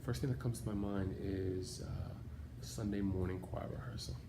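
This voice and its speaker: A man's voice: sits low, fairly even intonation, normal speed, heavy background noise. A man recalling his church choir days in a rambling, casual tribute full of fillers. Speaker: former choir member giving a tribute.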